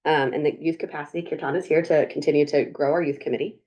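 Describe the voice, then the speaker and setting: Low-voiced chatty woman leading a meeting. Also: fairly even intonation, fast talker, mellow, muffled recording. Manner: chatty, upbeat, many fillers and restarts. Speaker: drug council coordinator leading a meeting. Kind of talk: meeting presentation.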